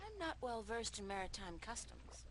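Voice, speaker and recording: A woman's voice: on the high side, sing-song, normal speed, a bit bright, a little hiss or hum. An actress playing a curious, wry young woman in a video game, speaking politely and articulately. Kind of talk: video game character acting.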